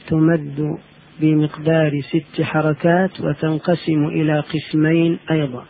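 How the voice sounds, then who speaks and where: A man giving a religious lesson on Quran recitation, explaining slowly and chanting the letters in drawn-out tones. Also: on the high side. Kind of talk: religious lecture. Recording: tinny phone-like lo-fi audio.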